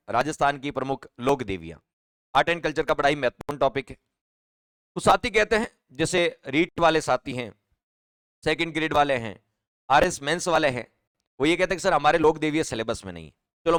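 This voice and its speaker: A man's voice: on the high side, a bit bright, clean tone, dry recording, studio quality. A male teacher giving a live online exam-prep class, chatty and repetitive, often asking his students questions. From Rajasthan, India.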